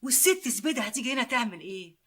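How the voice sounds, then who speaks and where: An actress with an Egyptian Arabic accent playing a restless young woman who talks in a quick, mocking, impatient way in a TV drama. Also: fairly high pitch, expressive, fairly bright tone. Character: restless young woman seeking a love charm. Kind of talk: TV drama acting.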